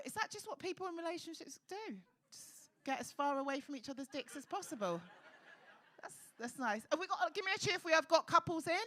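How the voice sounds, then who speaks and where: A man with a high-pitched voice hosting a live stand-up night, teasing the crowd with cheeky, camp, sweary banter on a comedy club stage. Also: bright, forceful tone. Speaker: comedy host.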